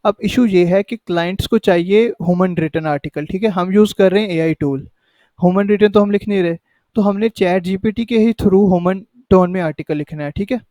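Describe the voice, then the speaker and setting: In a casual screen-recorded tutorial, a man walks through steps conversationally, often checking in with the listener by repeating "ठीक है". His voice is high, brisk and warm, recorded dry.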